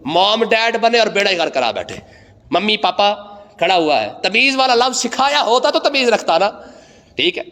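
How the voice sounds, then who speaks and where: A man with touches, giving an emphatic Quran commentary lesson. His tone is bright and forceful, and he keeps asking his listeners rhetorical questions. His voice carries a long hall reverb. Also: high voice, sing-song. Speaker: Quran teacher, mufti.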